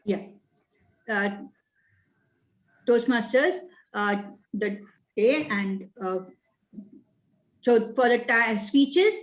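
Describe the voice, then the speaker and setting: High-voiced woman explaining timing rules. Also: a bit bright, low-quality recording. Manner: plain and halting, many fillers. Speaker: meeting timer. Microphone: video call.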